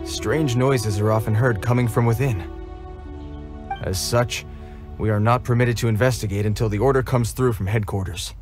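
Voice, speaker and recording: Over game music, a man with a lowish, slightly mellow, natural voice plays an earnest, formal young guard soldier in a game cutscene. The dutiful character gets flustered around children.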